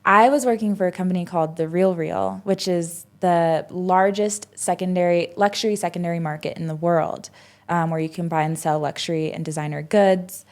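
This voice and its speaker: A woman's voice: fairly low pitch, fairly even intonation, moderate pace. A woman in her twenties, a podcast guest, talking casually and reflectively, with many fillers and restarts. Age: 20s. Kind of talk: casual conversational interview.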